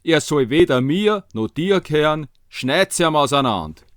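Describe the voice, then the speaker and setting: A man plays a quarrelling mother from a story told in Viennese dialect. She argues emphatically and colloquially before a king. The voice is lifted in pitch, in a dry recording. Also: animated, fairly quick, fairly bright tone, clear, resonant tone, dry recording. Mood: spiteful. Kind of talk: acted dialogue in dialect storytelling.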